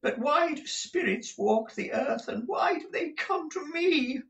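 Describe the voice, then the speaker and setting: A man doing a shrill, terrified old miser. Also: expressive, measured pace, a bit bright, echoey room, far from the mic, full character voice. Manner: high, cracking cries of terror. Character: frightened old male miser, shrill and pleading.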